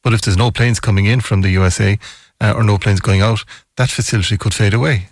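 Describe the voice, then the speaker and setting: A man's voice: fairly low pitch, fairly even intonation, fast, dry recording, clean studio sound. A man presenting a radio current affairs interview. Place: radio studio.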